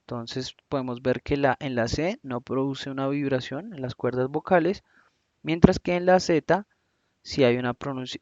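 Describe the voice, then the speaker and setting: A man with a Colombian Spanish accent teaching a recorded English lesson, slowly and deliberately, spelling out sounds one by one. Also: medium pitch, no room sound. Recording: dull, lo-fi sound.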